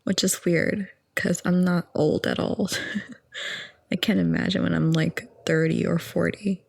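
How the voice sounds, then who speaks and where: A young woman in her twenties, talking in a soft, rambling, calm ASMR chat into a close mic. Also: fairly low pitch, a little slow, creaky, slightly rough, no room sound. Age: 20s. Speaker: ASMR audio creator.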